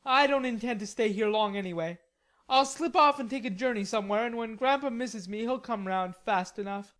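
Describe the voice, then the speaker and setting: A woman's voice: fairly high pitch, a little fast, fairly bright tone, voice pushed up, close to an everyday voice. A woman voicing a wilful, hot-tempered teenage boy in an audiobook, protesting emphatically. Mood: stubborn. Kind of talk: audiobook character reading.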